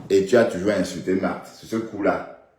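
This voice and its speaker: Low-voiced man rambling on a live stream. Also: steady tone, normal speed, a little mellow, reverberant. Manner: rambling, addresses viewers directly with frequent "hein" and "d'accord". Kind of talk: casual live-stream commentary.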